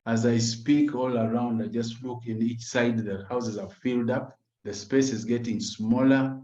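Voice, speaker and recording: A man's voice: medium pitch, steady tone, a little slow, a little mellow. A man speaking as a doctor on a panel, reflective, weaving scripture into his points, heard over echoey, dull video-call audio.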